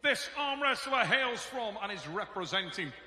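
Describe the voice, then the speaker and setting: A man working as a ring announcer, calling out the athletes with booming, drawn-out hype. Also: lively intonation, sharp tone, reverberant, long reverb tail. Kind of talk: arena announcing.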